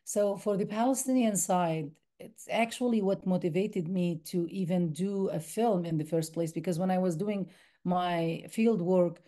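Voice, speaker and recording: A woman's voice: on the low side, a little slow, dark tone. A woman from the West Bank, a documentary filmmaker answering interview questions thoughtfully, often restarting her sentences. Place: university screening room.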